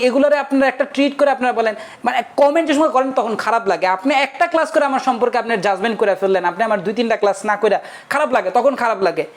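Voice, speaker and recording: A young male teacher giving a casual online lecture, chatty and forever checking whether his students have understood. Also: extremely high pitch. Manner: chatty, keeps asking students if they understood.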